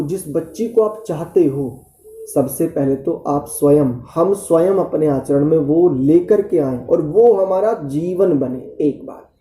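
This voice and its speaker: A man delivers a devotional teaching on scripture in a deep, mellow, very dark tone. He speaks earnestly, asking his listeners rhetorical questions. The recording carries a noticeable roomy echo.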